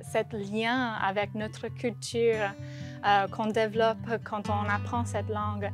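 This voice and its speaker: A woman's voice: mid-range voice, little pitch movement, takes it slowly. A woman giving a reflective interview as a teacher, searching a little for her words. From Louisiana, United States. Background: plucked guitar music.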